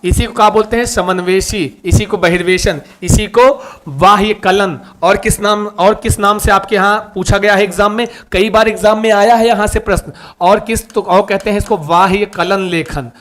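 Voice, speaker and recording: Guy teaching a live class online, fairly high voice, keeps repeating stuff and nudging students to answer. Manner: lively and coaxing, repeats key terms and asks students to answer.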